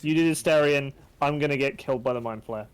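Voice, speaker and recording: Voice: mid-range voice, fast, clear, resonant tone. A guest streamer chatting casually over a video game, joking crudely and swearing often. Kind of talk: casual gameplay chat.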